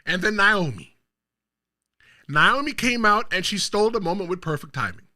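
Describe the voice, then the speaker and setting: A Bronx, New York man hosts his own wrestling commentary show, speaking directly to viewers with emphatic hot takes. His voice sits high and is very animated, moving at a normal speed with a sharp tone.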